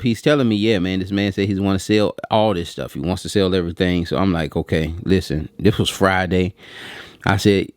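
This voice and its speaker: A print shop owner with a low, darkish voice tells viewers a story in a casual, rambling vlog, as though swapping tales with friends. His delivery is informal, meandering and full of slang, and he acts out both sides of remembered conversations. The recording is dry, from a dry-sounding space.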